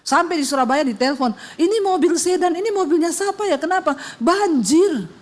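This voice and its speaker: A woman's voice: very high-pitched, fairly quick, slight background noise. A middle-aged woman pastor, telling a funny story in a sermon and acting out the sounds and voices in it. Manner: animated and humorous, acts out sounds and dialogue.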